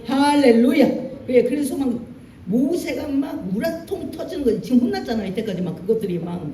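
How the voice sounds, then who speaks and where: A woman pastor preaching a sermon in a church, animated, acting out lines in a raised voice. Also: sits high, brisk, echoey room, distant mic, slight background noise. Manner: animated preaching, acts out Moses' angry lines. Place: church sanctuary.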